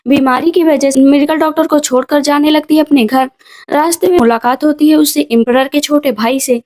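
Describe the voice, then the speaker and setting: High-voiced woman recapping a drama. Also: darkish tone. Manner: brisk retelling, relaying each character's lines in her own voice. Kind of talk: casual storytelling narration.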